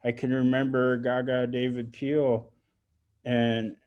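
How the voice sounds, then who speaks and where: A middle-aged man from Alaska speaking with heartfelt emotion on a panel, halting often and restarting his sentences. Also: mid-range voice, flat delivery, highs cut off. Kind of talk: heartfelt personal remarks on a panel.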